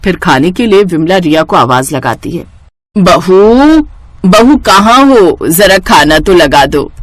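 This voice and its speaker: A woman narrating a moral story in a measured storytelling manner. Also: mid-range voice, dry recording. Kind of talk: scripted narration.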